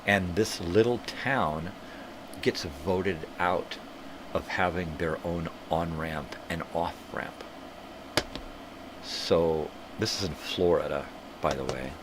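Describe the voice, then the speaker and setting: Low-voiced and slow, an older man hosting a live stream rambles on casual, profane tangents, sniffling from a cold. The recording carries a clear background hum.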